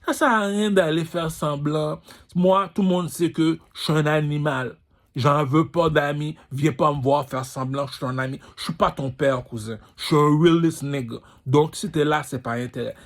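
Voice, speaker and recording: A man's voice: a little high, steady tone, normal speed. A man with a Quebec French accent, hosting his own channel in a boastful, crude, swaggering street-talk rant. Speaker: channel host. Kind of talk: ranting monologue.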